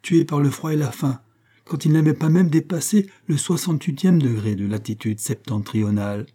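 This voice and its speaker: A man narrating a classic adventure novel as an audiobook, in a measured, even storytelling manner. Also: a little high, slightly rough. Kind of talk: scripted narration.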